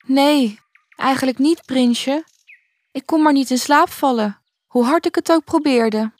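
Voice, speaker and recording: A gentle, sweet young fairy-tale girl, as a woman reads her, lifted a little higher than a normal voice. She talks politely. The recording is dry. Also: a little slow, no room sound. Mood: sad.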